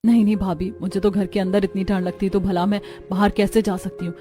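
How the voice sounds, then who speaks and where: A woman's voice: mid-range voice, level tone, fast talker, soft background music, lightly acted. A woman voicing a meek, polite young village daughter-in-law. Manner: soft and polite.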